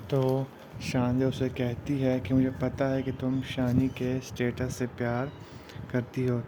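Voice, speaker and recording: A man retelling the events of a TV drama episode in a steady, plain storytelling manner. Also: mid-range voice, background noise. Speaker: drama recap narrator.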